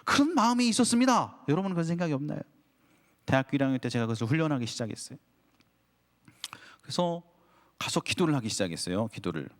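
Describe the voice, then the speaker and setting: Animated Korean pastor preaching. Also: male voice, medium pitch, fast, pauses often. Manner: animated storytelling, acting out his own prayers and frustration; talks to the congregation with frequent direct questions. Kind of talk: sermon to a young adults' service. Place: church sanctuary. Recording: long hall reverb.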